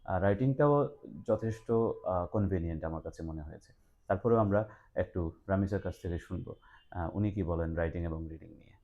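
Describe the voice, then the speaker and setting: A man with a Bangladeshi Bengali accent, hosting a promotional interview for a language institute as a TOEFL instructor. He talks in a relaxed mix of Bengali and English, with frequent "ah" fillers. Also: deep voice, fairly quick, highs cut off.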